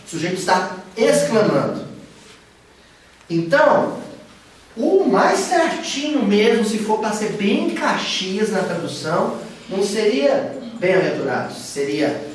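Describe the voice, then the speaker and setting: A man's voice: high voice, a little hiss or hum. A man teaching a study group, talking casually and asking his listeners questions. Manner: animated, asks listeners often. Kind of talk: informal teaching talk. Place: study room of a spiritist center. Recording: echoey room from far off.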